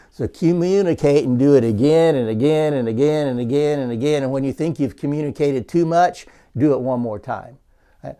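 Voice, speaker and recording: A man's voice: medium pitch, mellow. Man teaching church volunteer leadership. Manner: conversational, repeats points for emphasis. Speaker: associate pastor.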